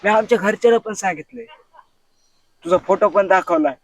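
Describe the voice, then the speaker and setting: A man's voice: sits high, a little fast, a little hiss or hum, low-quality recording. Young man, pleading. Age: young adult. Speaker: college boy in a comedy sketch. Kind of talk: acted comedy sketch dialogue.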